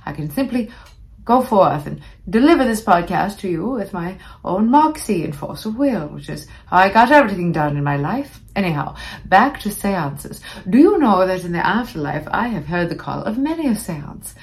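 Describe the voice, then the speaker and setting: A woman's voice: medium pitch, very animated, moderate pace. A woman playing a vain, ghostly old-time movie star, hosting a comic podcast with campy, arch, drag-queen grandness. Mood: gossipy, grand. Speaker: podcast host. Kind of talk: comic in-character podcast monologue.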